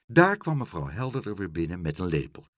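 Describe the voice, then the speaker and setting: A man reading a children's story aloud, expressive and doing all the voices. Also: sits low, fairly quick, no echo, studio quality.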